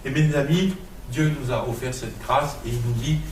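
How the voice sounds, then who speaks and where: A man's voice: mid-range voice, normal speed, reverberant, distant mic, a little hiss or hum, poor audio. A man preaching a sermon with a Marseille accent, emphatic and rhetorical, repeating phrases and building to fervent peaks. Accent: Marseille French.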